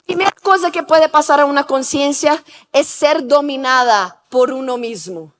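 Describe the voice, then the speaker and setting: Woman pastor giving a sermon, high voice, asks lots of rhetorical questions, has people repeat lines. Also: moderate pace. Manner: calls for the congregation to repeat after her. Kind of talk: sermon with storytelling.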